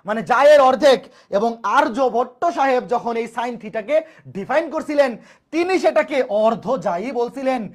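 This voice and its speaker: A teacher gives a live online maths lecture, repeating each point and asking the class rhetorical questions. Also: sits high. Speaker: math teacher.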